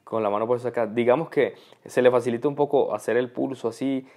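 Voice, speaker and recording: A man from Colombia teaching the accordion in a calm, patient tutorial, repeating each step slowly as he demonstrates. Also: mid-range voice. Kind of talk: music tutorial. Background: faint accordion playing.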